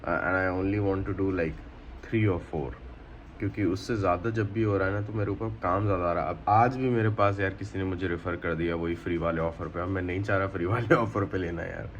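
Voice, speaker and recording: A man's voice: deep voice, fairly even intonation, fairly quick, highs cut off, slight background noise. A man talking casually to the camera in a daily vlog, thinking aloud and switching between Hindi and English. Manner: mixes Hindi and English, reflective and chatty. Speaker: vlogger.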